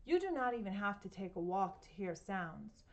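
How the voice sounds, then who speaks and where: A woman reads a children's picture book aloud at home. Her delivery is gentle and patient, and she keeps turning to her young listeners with questions. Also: medium pitch, sing-song, normal speed, dull audio. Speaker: children's story reader.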